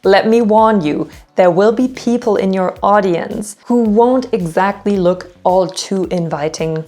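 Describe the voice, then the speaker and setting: A woman giving an instructional talk to camera as a public speaking coach, with clear, direct, deliberate delivery and emphatic phrasing. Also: medium pitch, darkish tone, faint music behind.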